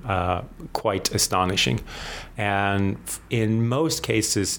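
A man, a guest academic answering interview questions in a measured, hesitant way, with many pauses and restarts. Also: low-pitched. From Sweden. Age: 40s.

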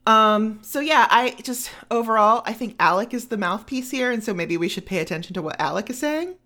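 A woman's voice: a little high, animated, brisk, pushed and bright. A woman co-hosting a casual podcast, chatting about a book with lots of "like" and "um". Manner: chatty, full of "like" and "um". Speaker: podcast co-host discussing a book. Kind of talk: casual chat.

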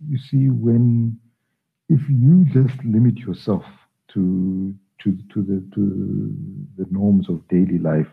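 A man's voice: fairly low pitch, takes it slowly, vocal fry, breathy edge, soft background music. A middle-aged man from Zambia, a children's author answering interview questions with many hesitations and restarts. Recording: tinny phone-like line.

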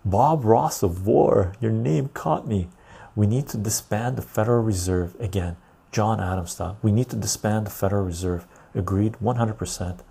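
A man's voice: on the low side, normal speed, creaky, dark tone, husky. A man, hosting a casual livestream, reading chat and rambling with frequent "right?" tags. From Canada, born in Iran. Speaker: livestream host.

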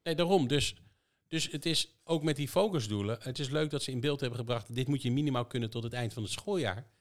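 Man, explanatory podcast talk, emphatic, rhetorical questions, mid-range pitch. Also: fairly quick. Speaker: education software provider.

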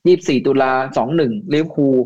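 Casual co-host, blunt and crude, higher-pitched man, muffled lo-fi recording. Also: fast talker, warm tone, slightly rough. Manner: blunt, crude slang-filled banter. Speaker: podcast co-host. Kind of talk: casual football chat.

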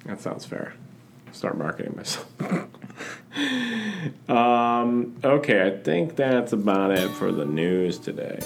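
A man's voice: lowish voice, expressive, takes it slowly, vocal fry, long pauses. A man hosting a podcast, chatting casually and rambling with lots of restarts and fillers. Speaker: podcast host. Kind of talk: casual chat.

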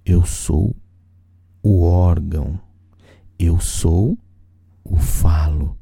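Slow, deep, husky man reciting poetry. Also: warm tone, no echo, clean studio sound. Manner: deliberate, sensual, pausing between short phrases. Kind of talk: dramatic spoken-word poetry recital.

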